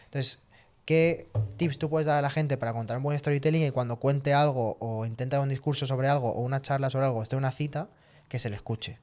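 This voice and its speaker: Quick-talking male podcast host, casual, asks long questions. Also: medium pitch, steady tone, a little mellow.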